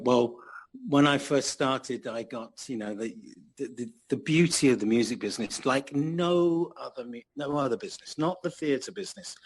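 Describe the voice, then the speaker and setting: Husky Englishman telling stories. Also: mid-range voice. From England. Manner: storytelling, self-mocking, animated. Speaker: guest musician. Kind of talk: anecdotal interview chat.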